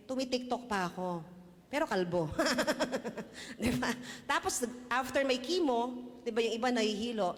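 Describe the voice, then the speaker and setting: A woman with a Filipino accent tells her faith testimony in a loose, chatty way, laughing often and checking in with her listeners. Her voice sits a little high and swings widely up and down. A long reverb trails behind her words. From Philippines. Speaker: church testimony speaker.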